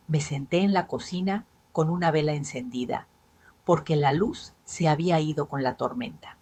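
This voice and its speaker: Breathy woman telling a dramatic story. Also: low-pitched, darkish tone, no echo. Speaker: narrator. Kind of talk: dramatic first-person story narration.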